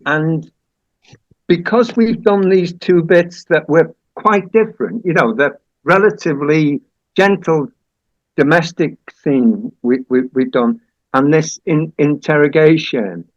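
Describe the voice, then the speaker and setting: Slow, halting man on a dull recording. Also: fairly high pitch, no echo. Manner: hesitant, halting, repeats words. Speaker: host of a play-reading group. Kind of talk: informal discussion introduction.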